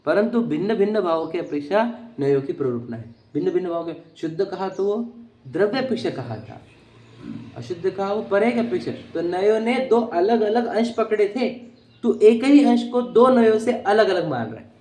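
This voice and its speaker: Male lecturer, a touch high-pitched, explaining doctrine and checking that the class follows, in a roomy hall. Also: lively intonation, moderate pace, mellow, slight background noise. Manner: keeps checking that listeners follow. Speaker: teacher of Jain philosophy. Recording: echoey room.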